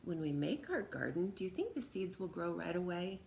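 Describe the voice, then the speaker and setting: A woman's voice: fairly low pitch, sing-song, normal speed, vocal fry, darkish tone. A woman voicing a patient, good-humoured, knowing second-grade teacher in a storybook, with an encouraging, instructive manner. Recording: roomy echo, background noise.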